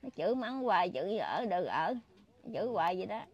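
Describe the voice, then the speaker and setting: A woman's voice: on the low side, very animated, fairly quick, lo-fi sound. An elderly woman in her late seventies speaks with a Mekong Delta accent. She sounds tearful and plaintive. She keeps circling back to the same complaints in a street interview. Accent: Mekong Delta Vietnamese. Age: 70s. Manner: plaintive, repetitive complaining, breaks into crying.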